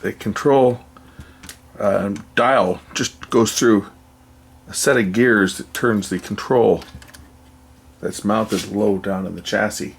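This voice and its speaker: This repair host speaks slowly with long pauses, his fairly low voice staying fairly even. Working unscripted, he thinks aloud and often trails off or questions himself, with room ambience and clear background noise behind him.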